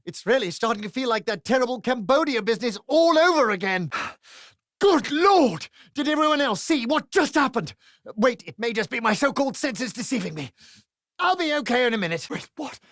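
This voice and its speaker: A man with a British accent voicing a crude, sardonic male adventurer who trades cheeky, quick-witted quips in a video game. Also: very high voice, sing-song, fairly bright tone, dry recording, studio quality, heavily acted. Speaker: playable game character.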